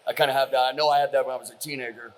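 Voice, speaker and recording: A man's voice: mid-range voice, steady tone, racing, poor audio. A man on a convention panel answering in a laid-back, hesitant way.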